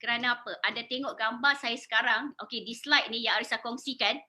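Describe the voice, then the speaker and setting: A woman's voice: a little high, steady tone, fast talker, pushed and bright. A woman in her forties with a Malaysian accent, a beauty salon owner giving a persuasive sales presentation and putting questions to her audience. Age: 40s. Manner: persuasive, asks the audience questions, mixes in English words.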